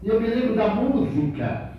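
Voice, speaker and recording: A man lectures at a spiritist center. He tells his story with animation and acts out each exchange. His fairly high voice reaches a distant mic through a dull, lo-fi recording with strong hall echo and a faint hiss behind it. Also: normal speed. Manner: animated, acts out dialogue in first person.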